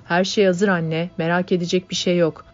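A woman's voice: fairly low pitch, flat delivery, moderate pace, natural voice. A woman voicing an earnest young male labor organizer who talks in a direct way. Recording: dull lo-fi audiobook, faint music.

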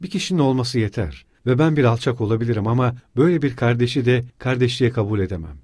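A man's voice: medium pitch, expressive, quick pace, a little mellow, no echo, clean studio sound, lightly acted. Man voicing a feverish, agitated young student. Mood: bitter. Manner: strained, breaking off abruptly.

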